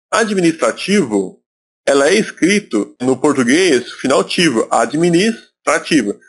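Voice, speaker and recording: A man's voice: on the high side, slightly rough. A man from Brazil teaching English in a recorded video lesson, explaining step by step and repeating words for emphasis.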